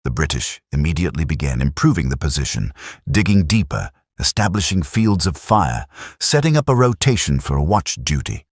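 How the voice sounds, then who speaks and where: A man narrating a scripted war story with a very deep, husky voice. His delivery rises and falls expressively. The sound is dry and close. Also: brisk, dry recording. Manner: steady storytelling.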